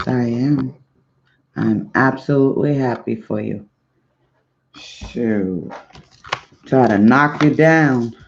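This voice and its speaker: A man giving a slow, encouraging spiritual tarot reading to his viewers, repeating affirming phrases, on a dull lo-fi recording. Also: medium pitch, vocal fry, a little hiss or hum. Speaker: spiritual life coach and tarot reader.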